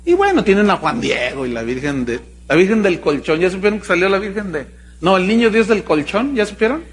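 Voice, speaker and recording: A man from Mexico with a Jalisco accent, a pastor preaching a sermon in an animated, joking way, full of rhetorical questions. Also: sits high, a little fast, slightly rough. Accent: Mexican Spanish, Jalisco. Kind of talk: sermon with storytelling.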